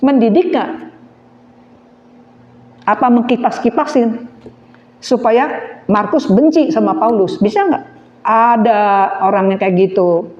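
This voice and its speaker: A woman preaching a sermon, animated, throwing questions at her listeners and slipping into slang. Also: on the high side, a little slow, roomy sound. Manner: animated, asks the audience questions, mixes in slang. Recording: dull lo-fi recording.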